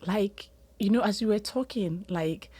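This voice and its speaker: A woman's voice: mid-range voice, measured pace, mellow, husky, no room sound. A woman hosting a podcast interview, chatty and casual, with lots of "you know" and "like". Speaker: podcast host.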